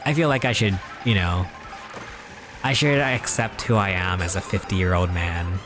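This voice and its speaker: A young man with a somewhat low voice talks casually on a live stream while he plays, rambling through mock-serious jokes and chuckling along the way. Game music plays clearly in the background. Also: moderate pace. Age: 20s.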